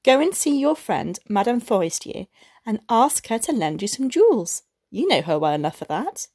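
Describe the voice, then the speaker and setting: A woman's voice: on the high side, sing-song, moderate pace, darkish tone, breathy edge, no room sound, full character voice. Eager-to-please husband, voiced by a woman storyteller, stammering and coaxing, dry close sound. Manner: stammering, pleading. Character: anxious, eager-to-please clerk husband, male.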